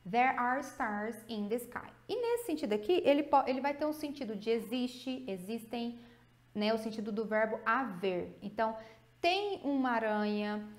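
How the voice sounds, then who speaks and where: A woman with a Brazilian Portuguese accent teaches English grammar in a video lesson, explaining with lively emphasis and slowly stretching out her example words. Her voice is a little high, and the sound is reverberant.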